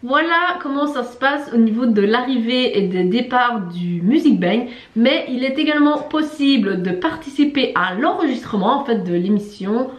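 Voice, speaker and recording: A woman's voice: fairly high pitch, lively intonation, moderate pace, hardly any pauses, echoey room. A woman co-hosting a travel vlog, chatting casually as a guide with lots of fillers. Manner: chatty, many fillers, laughs at herself. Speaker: travel vlogger. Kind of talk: casual guide talk with a co-host.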